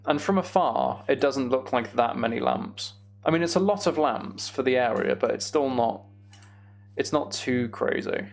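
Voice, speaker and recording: This live streamer has a mid-range voice with vocal fry and speaks at a moderate pace. He muses aloud while playing a game on stream, reading viewer comments and replying to them in a relaxed, chatty way.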